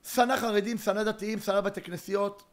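A man giving a Torah lecture as a rabbi, telling a story with dramatic pauses and sudden emphasis. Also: high voice, steady tone.

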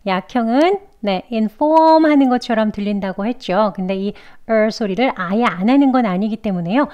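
A woman teaching English pronunciation, explaining mouth and tongue positions clearly and patiently, step by step. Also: medium pitch, moderate pace, dull audio. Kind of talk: instructional lesson narration.

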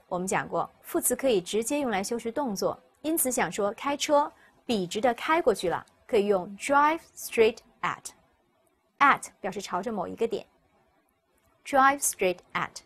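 A woman teacher, explaining English vocabulary step by step and repeating each word slowly for students. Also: fairly high pitch, slightly rough. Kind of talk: recorded vocabulary lesson.

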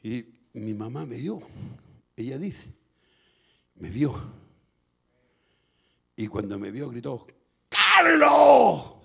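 A male pastor with a Chilean Spanish accent preaching a sermon through a personal story, going from hushed telling to loud shouting. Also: medium pitch, slow pace, creaky, long pauses, slightly rough.

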